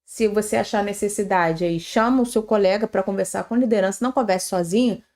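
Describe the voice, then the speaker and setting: A woman's voice: mid-range voice, fairly quick, darkish tone. Earnest woman giving workplace advice. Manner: earnest and advisory, with frequent "tá?" and "né?" tags and self-corrections. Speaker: panelist on a live workplace-safety broadcast. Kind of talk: conversational advice on a live stream.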